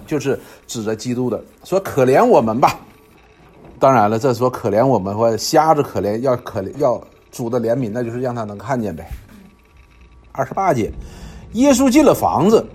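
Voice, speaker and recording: Husky man leading a Bible study. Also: mid-range voice, a little mellow. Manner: explanatory, many filler particles, repeats phrases.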